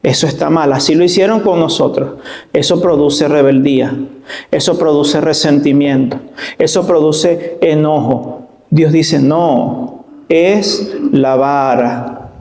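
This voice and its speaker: Man, guest pastor, high-pitched, storytelling preacher who drags out his emphasis. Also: a little slow, a little mellow. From Venezuela. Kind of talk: sermon.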